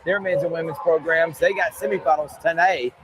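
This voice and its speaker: A man's voice: on the high side, fairly even intonation, fairly quick. A man hosting a sports show with conversational commentary, leaning emphatically on key words. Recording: very noisy outdoor ambience.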